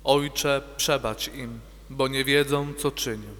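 Solemn Jesus part for a male reader, slow and measured, church reverb. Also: mid-range voice, fairly even intonation, fairly bright tone. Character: Jesus, solemn grown man, calm and grave. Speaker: reader of the Passion. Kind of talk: liturgical reading.

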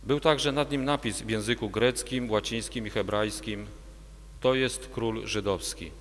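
Male narrator for a church reading, steady, long reverb. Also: on the low side, unhurried. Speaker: narrator of the Passion. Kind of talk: liturgical reading.

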